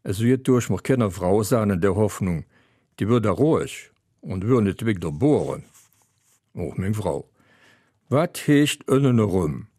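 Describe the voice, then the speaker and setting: Slow, dry-humored storyteller man. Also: lowish voice, animated, dark tone, husky, no echo. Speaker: comedic storyteller. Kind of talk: humorous dialect monologue.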